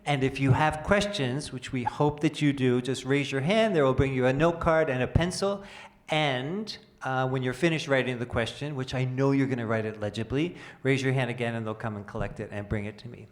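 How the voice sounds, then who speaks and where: A man's voice: medium pitch, fairly even intonation, brisk. A man in a mid-range voice moderates a panel at a conference. He introduces the speakers and gives instructions to the audience with a friendly, joking touch. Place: conference hall stage.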